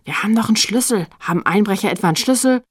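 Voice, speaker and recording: A woman's voice: lowish voice, fairly even intonation, a little fast, gravelly, a little mellow, no echo, studio quality. A woman voicing a bossy teenage boy who leads his gang and hisses impatient orders, in a children's audiobook. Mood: irritated.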